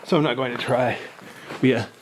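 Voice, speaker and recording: A man's voice: mid-range voice, fairly even intonation, brisk, background noise. A man narrating a casual exploration vlog inside a cave, rambling with dry humor, his voice echoing off the rock. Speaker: cave explorer filming himself.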